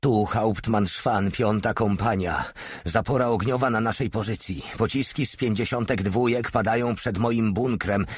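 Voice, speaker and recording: A man's voice: fairly low pitch, normal speed, slightly rough, no room sound, voice pushed up. A man voicing an army captain making an urgent report with a breaking voice. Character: strained male army captain on the phone.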